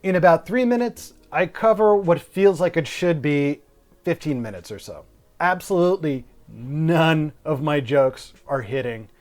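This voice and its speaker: A man's voice: fairly high pitch, expressive, a little slow. A man telling a comic story in a wry, self-deprecating, profane way as a stand-up comedian.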